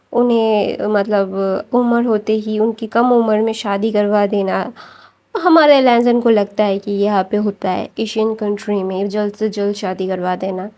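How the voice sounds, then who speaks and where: A woman's voice: mid-range voice, mellow. A woman casually narrating a story, rambling with fillers and frequent self-corrections.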